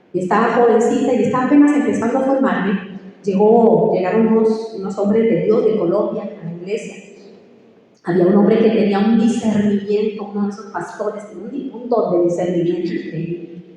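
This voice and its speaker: A woman pastor preaching a sermon, telling stories in an animated way. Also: medium pitch, normal speed. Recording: echoey hall from far off, dull.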